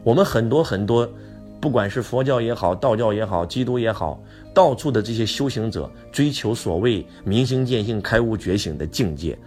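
Animated male lecturer, lively swings. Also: fairly low pitch, normal speed, faint music behind. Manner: animated, asks the audience rhetorical questions. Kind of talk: motivational lecture.

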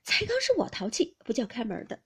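A woman reading aloud, giving a gentle, patient young maid her soft, forbearing lines. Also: a little high, huge pitch swings, a little fast, husky, exaggerated voice. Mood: placating. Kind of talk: storybook reading.

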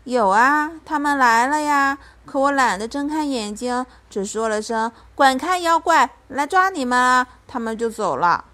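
A woman voicing a brave little boy who boldly shouts at monsters in a bedtime storybook. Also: high voice, animated, unhurried, hardly any pauses, heavily acted. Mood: proud. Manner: bold shouting.

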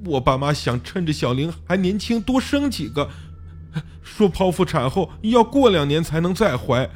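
A man's voice: on the high side, expressive, moderate pace, darkish tone, voice pushed up, natural voice. Man voicing a sobbing, stammering young father. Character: young man, distraught new father, weeping.

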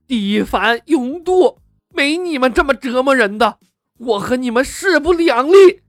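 A man voicing a furious, cornered male villain who shouts in a hoarse voice. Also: extremely high pitch, animated, measured pace, no echo, clean studio sound, faint music behind, voice pushed up, heavily acted. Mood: enraged.

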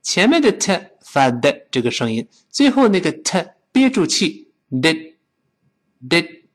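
A man's voice: sits high, sing-song, normal speed. A man teaching spoken English, a native Chinese speaker who models short phrases for students to repeat.

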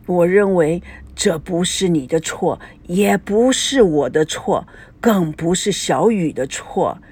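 Woman doing a grieving old man, low husky voice, slow pleading delivery, breathy. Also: expressive, darkish tone, exaggerated voice. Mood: coaxing. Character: grieving old man, tender with his brother.

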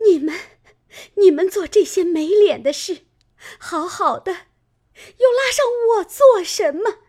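A helpless, wronged young maid speaks through tears, her voice raised high above the reader's own. A woman acts her out in a dramatized novel reading. She pleads with a lively, wavering pitch. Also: takes it slowly, heavily acted. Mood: tearful. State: crying.

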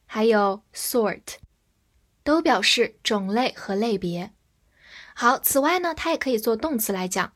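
A woman teaching English vocabulary who spells each word letter by letter and reads the example sentences slowly. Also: a little high, a bit bright. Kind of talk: vocabulary lesson.

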